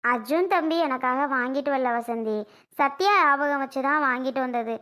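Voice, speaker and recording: A woman putting on the voice of a calm, motherly older woman who gently consoles and reassures others in a family skit. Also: high voice, moderate pace, pitched below the performer's own voice. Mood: gentle.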